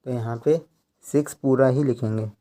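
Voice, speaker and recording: A man giving a slow tutorial, counting out numbers one by one and explaining how each is read. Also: mid-range voice, fairly even intonation, warm tone. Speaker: language teacher.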